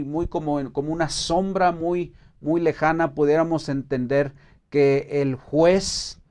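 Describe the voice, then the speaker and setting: A man with a Mexican Spanish accent teaching a Bible study in a casual, hesitant way, with many fillers and restarts, reading verses aloud. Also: on the high side.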